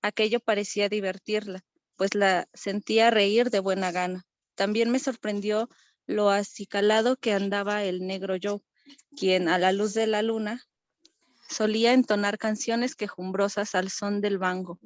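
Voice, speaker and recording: A woman student, reading a story aloud in class, steady and careful. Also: mid-range voice, a little slow, no echo, highs cut off.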